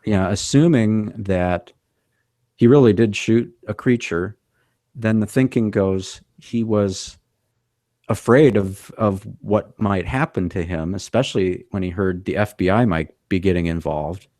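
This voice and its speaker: A man talks on a podcast in a fairly low voice. He explains things in a measured, thoughtful way. The sound is dry and close to the mic. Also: mellow, dry recording. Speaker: podcast co-host. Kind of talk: casual chat.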